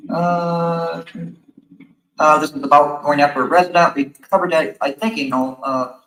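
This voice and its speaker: Male interviewer, bright voice, hesitant, lots of uhs, roomy audio. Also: fairly high pitch, steady tone, moderate pace. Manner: hesitant, filler-heavy. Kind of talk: interview questions.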